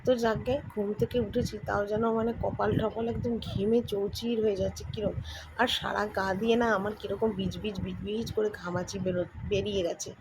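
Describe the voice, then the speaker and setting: A woman's voice: mid-range voice, steady tone, brisk. A middle-aged woman chatting through her day at home in a casual vlog, complaining and asking viewers to agree with her. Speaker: vlogger. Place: home, kitchen and rooftop. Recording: noisy home phone recording.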